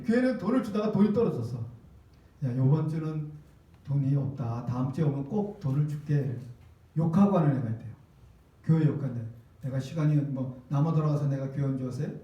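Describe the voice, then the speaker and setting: A male pastor preaches with insistent emphasis, often turning questions back to his listeners. His voice sits high for a man. It booms around a very reverberant church hall, picked up from well back. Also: mellow. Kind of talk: sermon. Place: church sanctuary. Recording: echoey church hall, distant mic.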